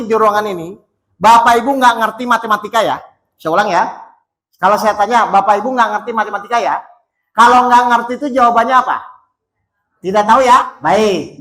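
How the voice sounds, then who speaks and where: A man's voice: very high voice, a bit bright. A man preaching in a mosque, asking the congregation question after question and repeating his phrases for emphasis. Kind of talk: interactive mosque sermon.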